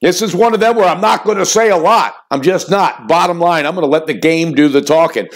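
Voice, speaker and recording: A man in his fifties hosting a sports betting picks show, talking in a fired-up, folksy way with loud bursts and low asides. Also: brisk. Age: 50s. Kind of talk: energetic sports picks monologue.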